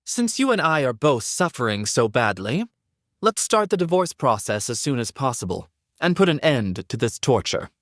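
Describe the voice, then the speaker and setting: A man voicing a cold, shrill, sarcastic wealthy mother-in-law in an audio drama. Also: very animated, normal speed, a bit bright, dry recording, studio quality. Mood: cold sneering. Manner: sarcastic, sneering.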